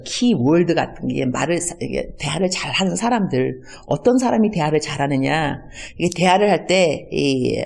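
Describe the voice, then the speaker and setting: A woman's voice: low-pitched, gravelly. A woman missionary giving a conversational teaching talk, acting out everyday dialogues and mixing in English words. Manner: acts out everyday dialogues in lively voices.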